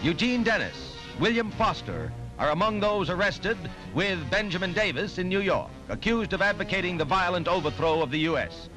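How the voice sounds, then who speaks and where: An American man with a high-pitched, very animated voice narrates a scripted 1940s newsreel at normal speed, barely pausing, in an urgent, emphatic, declamatory style. The low-quality soundtrack carries orchestral music behind him.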